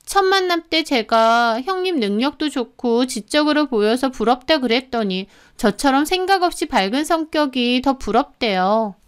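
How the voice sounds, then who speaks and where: A woman voicing a fawning, two-faced young sister-in-law in a radio drama, speaking softly in a wheedling, sugary way. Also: sits high, expressive, normal speed, few pauses, smooth. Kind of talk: Korean story radio drama.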